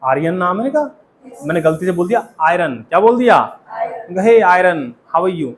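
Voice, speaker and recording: A fairly high-pitched man with an Indian accent teaches a classroom of students in a lively way. He slows down to model each English phrase and quizzes the class often. A faint hum of room noise sits behind him. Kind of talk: classroom lesson.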